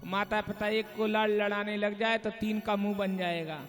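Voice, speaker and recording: A man's voice: sits high, level tone, moderate pace, a bit bright. A male preacher telling devotional stories in a folksy way, with rhetorical questions and call-and-response chants. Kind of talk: devotional storytelling discourse. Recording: reverberant hall with live music.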